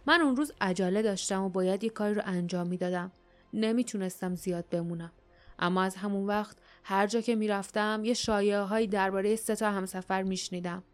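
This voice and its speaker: Woman reading gruff secretive guy, dry and curt, storybook. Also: medium pitch, natural voice. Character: gruff scowling rebel man, secretive.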